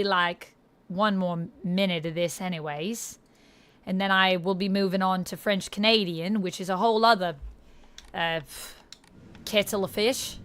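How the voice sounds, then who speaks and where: A woman streamer chats casually on a livestream while practicing accents, her mid-range, slightly bright voice putting on a wavering Australian accent that slips toward New Zealand and Irish. She sounds halting and self-conscious, trying out vowel sounds and repeating words.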